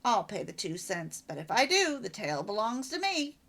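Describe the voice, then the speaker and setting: A woman's voice: mid-range voice, big pitch swings, normal speed, fairly bright tone. A woman voicing a playful father who speaks in a mock-solemn, formal way, in a storybook reading.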